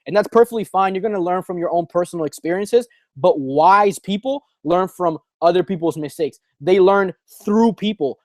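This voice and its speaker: A young man hosting a call, coaching listeners in an energetic, slangy way and calling them "bro" a lot. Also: on the high side, no room sound. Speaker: call host and trainer.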